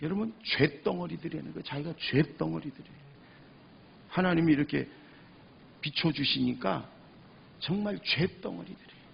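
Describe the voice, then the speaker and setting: Gravelly-voiced man preaching with fervor. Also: on the high side, moderate pace, long pauses, lo-fi sound, slight background noise. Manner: impassioned, swings between loud cries and hushed speech; emphatic repetition of phrases. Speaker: pastor. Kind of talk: sermon.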